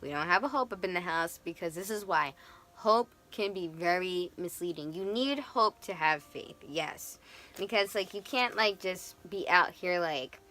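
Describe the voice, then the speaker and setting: A young woman giving a casual, animated tarot reading, chatty and playful. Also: lowish voice, moderate pace. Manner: animated, chatty, swings into playful quoted voices. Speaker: tarot reader.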